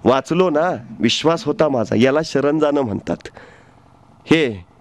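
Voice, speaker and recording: A man's voice: on the high side, animated, measured pace, no echo. A man giving a fervent motivational speech, telling stories and asking rhetorical questions. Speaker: motivational speaker.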